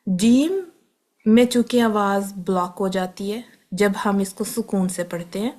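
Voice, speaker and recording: A woman teaching tajweed, patiently explaining where letters are formed and repeating each sound slowly, with English words mixed in. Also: medium pitch, a little mellow. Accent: Pakistani Urdu. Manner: patient, step-by-step instruction mixing in English terms. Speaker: Quran recitation teacher.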